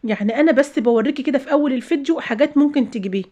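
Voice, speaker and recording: A woman's voice: high-pitched, racing, dark tone, highs cut off. A woman with an Egyptian accent hosting her own channel, giving emphatic, preachy advice to viewers in a casual way and often repeating her phrases. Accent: Egyptian Arabic. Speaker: channel host.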